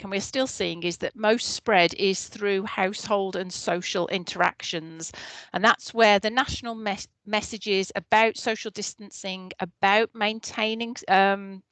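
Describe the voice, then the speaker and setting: A woman on a video call who works as a public health officer, presenting health figures to a community meeting in a clear, explanatory, steady way. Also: medium pitch, no echo. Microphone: computer mic on a video call.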